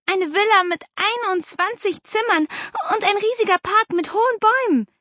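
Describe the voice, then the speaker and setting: A woman voicing an eager young girl who talks high and pleading, in a storybook reading. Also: normal speed, pushed and bright, no room sound. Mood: excited. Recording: slightly dull dry recording.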